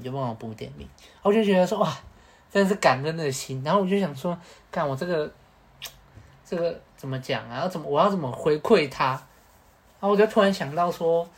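Podcast co-host, man, Taiwanese Mandarin accent, slangy and animated storyteller. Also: on the high side. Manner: animated, slangy, peppered with Hokkien swearing. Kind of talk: casual storytelling.

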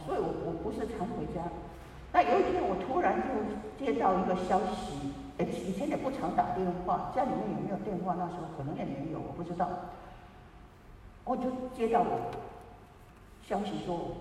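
A man with a Taiwanese Mandarin accent tells a personal story, halting and repeating words as he is deeply moved. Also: a little mellow. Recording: echoey distant room with faint background noise.

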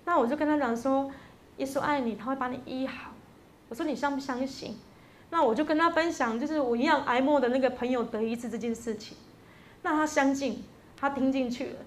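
A woman's voice: sits high, a little fast, a little hiss or hum. A woman preaches a Sunday sermon. She tells a story in a conversational way and then builds to emphatic, rising exhortation.

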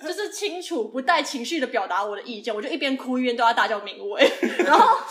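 Fast-talking woman telling a story. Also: sits high. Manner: animated, laughing often, many fillers. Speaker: podcast host. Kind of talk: casual storytelling chat.

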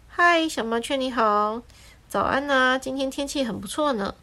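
A woman voicing a lonely, earnest gentleman lemon in a children's story, speaking courteously. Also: sits high, normal speed.

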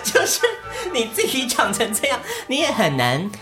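A woman's voice: a little high, big pitch swings, moderate pace, fairly bright tone. A young woman co-hosting a podcast in casual chat, teasing with blunt jokes. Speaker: podcast co-host. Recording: music under the voices.

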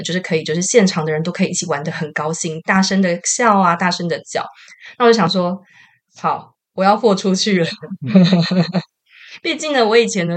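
A young woman, her voice hoarse, talks at a very fast clip in an excited, storytelling way. She is recorded close and dry, with no room sound. It sounds like casual podcast chat between co-hosts. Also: lowish voice, dry recording. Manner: excited storytelling, acts out her own shouts. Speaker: podcast co-host.

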